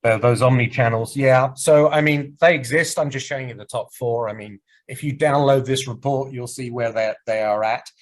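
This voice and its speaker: A man giving a business presentation and answering questions over a video call, speaking in a measured, explanatory way while losing his voice. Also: mid-range voice, steady tone, low-quality recording. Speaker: presenter at a market research webinar.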